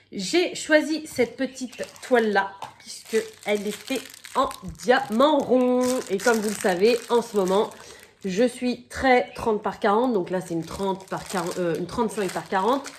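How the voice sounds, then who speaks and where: A woman chatting casually through an unboxing, her voice a little croaky from a cold, filling pauses with "donc" and "euh" and stopping now and then to cough. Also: mid-range voice, a little hiss or hum. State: has a cold, slightly croaky voice. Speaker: crafting vlogger.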